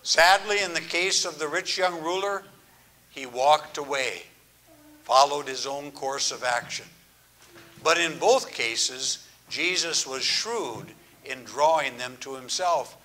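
An older man, a grandfather, preaching a sermon in an earnest, measured way, letting phrases trail off softly. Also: a little high. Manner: earnest, measured, drawn-out phrasing with soft, hushed endings. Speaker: pastor. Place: church.

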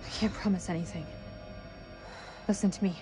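A woman's voice: on the low side, fairly even intonation, moderate pace, natural voice. Woman playing a blunt, tough survivor over music. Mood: urgent, wary. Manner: blunt, serious. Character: guarded, tough female survivor, urgent and blunt. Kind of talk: cinematic horror game acting.

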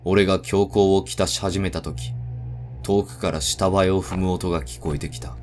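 Male horror narrator, low pitch, suspenseful deliberate ghost story reading, prominent background music. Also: fairly even intonation, a little mellow.

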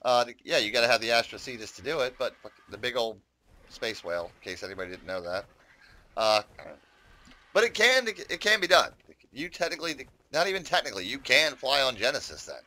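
Bright, chatty gamer guy. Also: mid-range voice, lively intonation, quick pace. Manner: chatty, rambling, swears, talks to viewers. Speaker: gaming YouTuber. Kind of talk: casual gameplay commentary.

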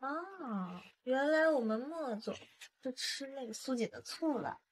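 A woman's voice: high voice, animated, a little slow, husky, full character voice. A young woman playing a vengeful, coolly assertive wife in a short melodrama. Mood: teasing. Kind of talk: melodramatic short-drama acting.

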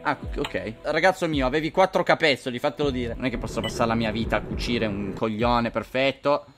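A young man giving crude, sarcastic commentary while playing a game, often yelling. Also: medium pitch, fairly quick, noisy background. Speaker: gaming video host. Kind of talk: casual gameplay commentary.

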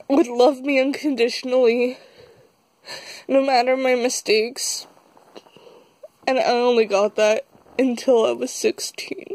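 A young woman talking haltingly in a confessional vlog, upset and tearful, as if she has just been crying. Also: sits high, darkish tone, dry recording, low-quality recording. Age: young adult. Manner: halting, slow, with long pauses. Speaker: vlogger. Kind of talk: confessional vlog, casual talk. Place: small dim room indoors. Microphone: phone held close.

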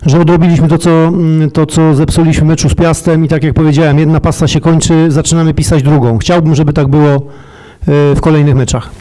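Middle aged coach guy, mellow warm tone, bit high, easygoing, press room mics. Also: flat delivery, fairly quick, low-quality recording. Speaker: football coach. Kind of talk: post-match press conference. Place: press conference room with sponsor wall. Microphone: table mics.

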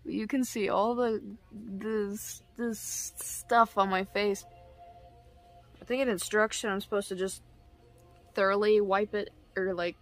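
A woman casually reviewing skincare products on a vlog, giggly, self-deprecating and rambling. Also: mid-range voice.

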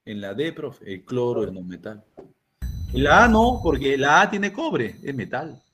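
A man's voice: mid-range voice, sing-song, measured pace, a bit bright, faint music behind. An older man with a Peruvian Spanish accent teaching a chemistry class, asking students questions and answering them himself. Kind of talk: classroom lecture.

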